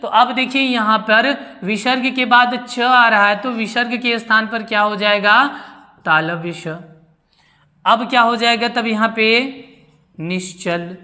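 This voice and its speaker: A woman teaches a grammar lesson in a fairly high, bright voice. She asks her pupils questions, answers them herself, and repeats each key word deliberately. The sound rings with a long reverb. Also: steady tone. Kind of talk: classroom-style grammar lesson.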